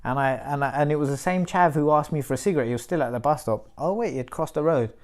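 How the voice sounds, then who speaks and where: A man's voice: fairly high pitch, quick pace, darkish tone. A man telling a rowdy story in casual podcast chat, laughing at himself and swearing freely.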